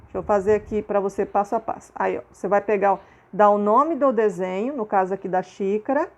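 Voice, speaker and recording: A woman's voice: on the high side, darkish tone. A woman teacher with a Brazilian Portuguese accent explains homework step by step to children, often checking in with "né?" and "ok?". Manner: patient, repeats terms and checks in with "né?" and "ok?".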